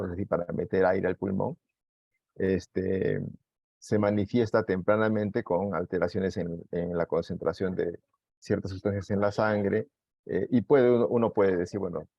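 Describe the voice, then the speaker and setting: Deep gravelly Peruvian man, explaining. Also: no echo. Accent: Peruvian Spanish. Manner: explanatory, patient, filler-heavy. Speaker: pulmonologist. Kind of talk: medical Q&A talk. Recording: dull lo-fi dry sound.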